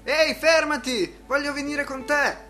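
Dude voicing an earnest pilgrim guy, mid pitch, music going behind. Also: fairly even intonation, a little fast, fairly bright tone, natural voice. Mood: calling out. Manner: earnest, pleading, cries out. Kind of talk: audio drama storytelling.

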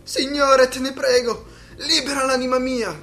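Dude voicing an earnest pilgrim guy, mid pitch, music going behind. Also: steady tone, a little fast, fairly bright tone, lightly acted. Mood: pleading. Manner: earnest, pleading, cries out. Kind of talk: audio drama storytelling.

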